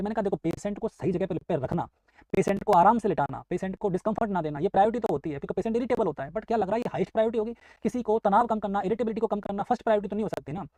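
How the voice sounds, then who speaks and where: Here the same kind of live online nursing exam class is taught by a man whose voice sits high and sounds warm. He explains step by step in Hindi sprinkled with English, voicing students' questions and then answering them, over a rough recording with no room sound.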